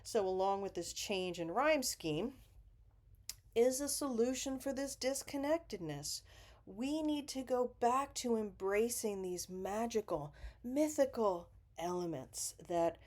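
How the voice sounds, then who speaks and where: Woman teacher, poetry lesson, slow, patient delivery, pitch that rises and falls widely. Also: animated, a little mellow. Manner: slow, patient, with deliberate emphasis.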